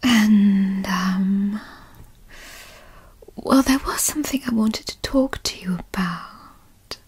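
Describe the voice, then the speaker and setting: In a whispered ASMR roleplay, a woman plays a possessive yandere girlfriend who is doting, coy, and sweetly controlling, using a breathy, mostly whispered mid-range voice with a darkish, exaggerated tone. She speaks slowly and hesitantly with coaxing, formal wording, recorded dry on a close microphone.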